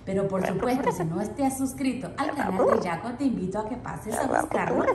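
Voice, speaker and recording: A woman's voice: medium pitch, lively intonation, fairly quick. A woman vlogger chatting casually to viewers and cooing affectionately at her parrot and cat at home. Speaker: pet vlogger, parrot owner. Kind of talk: casual vlog chat with pets. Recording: echoey room with loud background noise.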